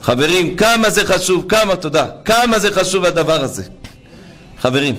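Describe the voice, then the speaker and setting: A man preaching a fervent religious sermon, urging his listeners to cry out and often rising to shouts. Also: high voice, expressive. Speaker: rabbi preacher.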